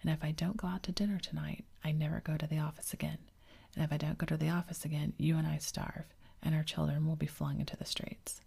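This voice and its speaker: A woman's voice: low-pitched, fairly even intonation, a little fast, vocal fry, warm tone, husky, full character voice. A woman whispering the lines of a fussy, blustering middle-aged father in a storybook reading.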